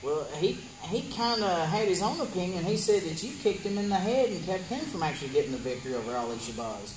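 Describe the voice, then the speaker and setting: Male wrestling promo interviewer, animated pitch, announcing match cards in an echoey space with music. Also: fast talker. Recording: echoey room with music behind.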